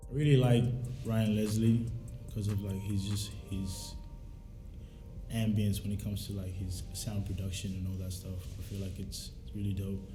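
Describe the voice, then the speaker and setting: A young adult man from South Sudan, raised in Australia, speaks in a lowish, level voice at a moderate pace. Being interviewed as a musician, he chats casually and reflectively in laid-back slang. The room echoes, with faint music in the background.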